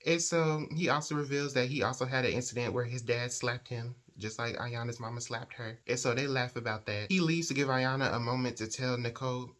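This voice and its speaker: A man's voice: medium pitch, fairly quick, few pauses, a bit bright. A man giving a casual, opinionated retelling of a book's plot in a chatty storytelling manner. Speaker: book reviewer. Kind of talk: casual book recap.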